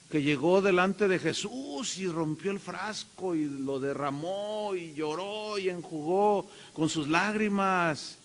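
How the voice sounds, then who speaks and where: Emphatic Mexican pastor in a reverberant hall. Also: male voice, sits high, a bit bright. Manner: emphatic, rhetorical questions, mimics voices. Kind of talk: sermon.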